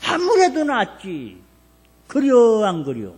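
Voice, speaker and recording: An older pastor, preaching a revival sermon in a folksy storytelling way, asking the congregation questions. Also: male voice, very high-pitched, wildly swooping pitch, slow pace, a little mellow, slightly rough.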